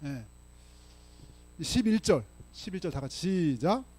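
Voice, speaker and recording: A man's voice: high-pitched, big pitch swings, a little slow, a little mellow, slightly rough, no room sound. A male pastor preaching a sermon, prodding the congregation with frequent questions and reading scripture aloud with force. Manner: emphatic preaching, frequent rhetorical "응?" and "예?" prompts to the congregation. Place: church sanctuary.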